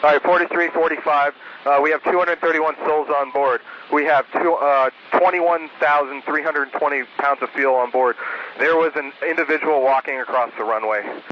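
A man's voice: on the high side, fairly even intonation, moderate pace. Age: adult. Sex: man. Role: airline pilot. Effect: cockpit headset radio. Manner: clipped radio calls. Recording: muffled, lo-fi air traffic radio. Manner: clipped, procedural, with fillers under pressure. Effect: cockpit headset radio transmission.

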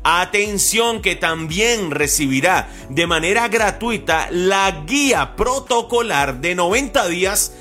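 A man hosting an infomercial with an urgent hard-sell pitch, repeating the phone number again and again. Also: animated, takes it slowly, hardly any pauses, bright, forceful tone, soft background music. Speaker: infomercial host.

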